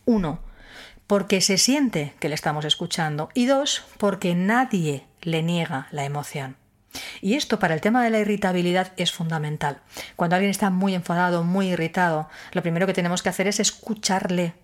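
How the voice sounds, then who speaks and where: A woman's voice: lowish voice, fairly quick. A woman giving an explanatory talk on handling emotions, using rhetorical questions and firm emphasis. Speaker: speaker on emotional wellbeing.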